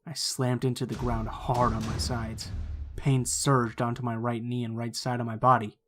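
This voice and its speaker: Man narrating a scary story over soft music. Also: mid-range voice, level tone, normal speed.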